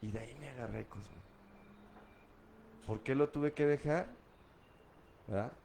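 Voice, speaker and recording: With a warm tone, some vocal fry and a measured pace, a medium-pitched middle-aged man from Guadalajara speaks over faint background noise. Using a Mexican Spanish accent and street slang, he candidly recounts his addiction, swearing as he describes his drinking past.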